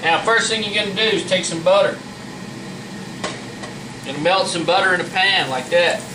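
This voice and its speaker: At a normal speed, a high-voiced man presents a recipe as a home cook, keeping the demonstration casual, folksy and plain-spoken. The mic sits at a distance in a roomy kitchen, and a fan hums noisily in the background.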